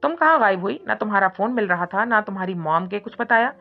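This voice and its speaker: A woman voicing an excitable young woman friend who asks eager, curious questions. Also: mid-range voice, moderate pace, creaky. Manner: eager, inquisitive. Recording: muffled recording with soft music.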